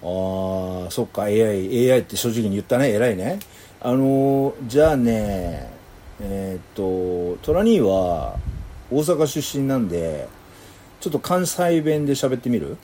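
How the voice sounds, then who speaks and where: A man's voice: lowish voice, expressive, measured pace, dark tone, slight background noise. Playful man. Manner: teasing, playful, slips into Kansai dialect. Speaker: user chatting with an AI. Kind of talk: casual chat.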